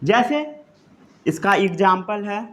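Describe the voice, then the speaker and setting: A man teaches a science class in Hindi. He says the key terms slowly and repeats them, as if dictating notes. He checks often that his students are following. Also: sits high, a bit bright. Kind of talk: classroom lecture.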